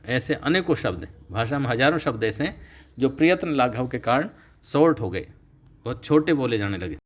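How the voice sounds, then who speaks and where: A middle-aged man teaching a Sanskrit class, explaining steadily and slowing down to stress key terms. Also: medium pitch, expressive. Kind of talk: recorded online lecture.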